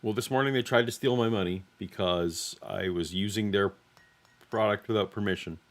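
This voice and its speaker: Male host, relaxed storyteller, lower pitch. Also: normal speed. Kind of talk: casual chat.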